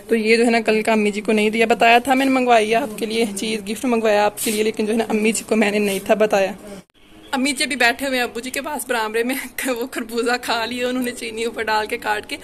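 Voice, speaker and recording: A woman's voice: a little high, steady tone, a little fast. A young woman from Pakistan, rambling chattily through a home vlog outdoors in a sunny courtyard, filmed on a handheld phone. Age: young adult. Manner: rambling, chatty, leans on "you know" fillers. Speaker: family vlogger. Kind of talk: casual home vlog narration.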